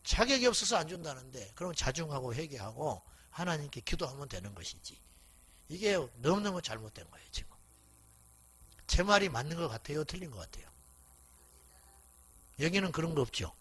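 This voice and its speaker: A man's voice: on the high side, very animated, a little fast, long pauses, fairly bright tone. A man preaching a revival sermon as a pastor, blunt and scolding, firing rhetorical questions at the congregation.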